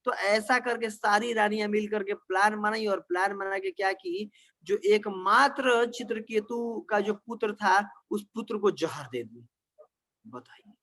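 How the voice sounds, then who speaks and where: High-voiced man telling a devotional story. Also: fairly bright tone. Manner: conversational, filler phrases. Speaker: spiritual storyteller.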